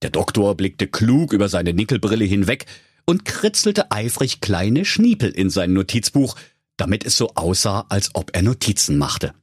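Male storyteller with a low, lively, deadpan reading and a dry, close sound. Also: moderate pace, husky, no echo. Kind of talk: comic storybook narration.

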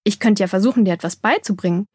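A woman voicing a bold, bossy yet kind young girl in an audiobook, with a breathy voice. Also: mid-range voice, darkish tone, no echo, studio quality, close to an everyday voice. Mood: explaining. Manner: scolding then friendly, explaining slowly. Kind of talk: audiobook character voice.

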